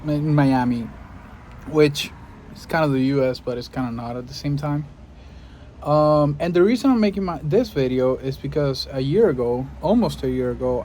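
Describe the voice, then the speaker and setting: Speaking Spanish in a relaxed piece to camera, this Venezuelan podcaster and video creator thinks aloud, frequently hunting for the right word. His voice is medium-pitched and warm, with slight background noise.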